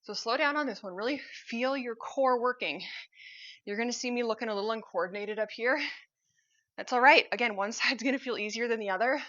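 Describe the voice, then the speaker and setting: A woman with a bright, forceful voice coaches a cardio workout while moving along with it. She talks in an upbeat, encouraging way and cues each exercise as it happens. The audio is slightly dull and muffled. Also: a little high, quick pace. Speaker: fitness instructor.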